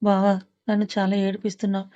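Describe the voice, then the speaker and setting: A woman voicing a grieving young woman who pleads tearfully and softly at a loved one's bedside. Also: mid-range voice, monotone, quick pace, dull audio, lightly acted. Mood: pleading.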